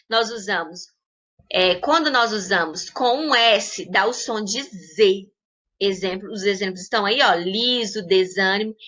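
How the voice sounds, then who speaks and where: A woman's voice: medium pitch, bright, forceful tone. A woman teacher with a Brazilian Portuguese accent gives a recorded lesson to young pupils. She talks patiently, stresses example words and keeps checking in with the class. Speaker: primary school teacher.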